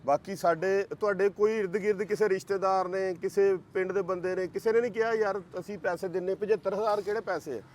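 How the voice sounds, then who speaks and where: Reassuring Punjabi man, slightly high voice. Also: fairly even intonation, fairly quick, hardly any pauses, a little mellow. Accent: Pakistani Punjabi. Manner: reassuring, fatherly, firm. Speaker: social worker, channel host. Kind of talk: unscripted conversation.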